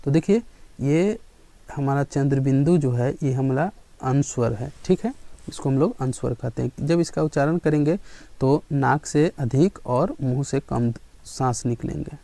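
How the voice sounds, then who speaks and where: A man's voice: mid-range voice, normal speed, vocal fry, dark tone, no echo. Man teaching with constant check-ins. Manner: checks in with students again and again, asks and answers his own questions. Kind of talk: classroom grammar lesson.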